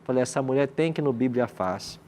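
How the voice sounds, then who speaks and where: There's a little hiss or hum behind this Brazilian man from Minas Gerais, a pastor who hosts and cordially introduces guests in the studio. He talks quickly in a mid-range, darkish voice. Chatty by nature, he frequently tags his remarks with questions.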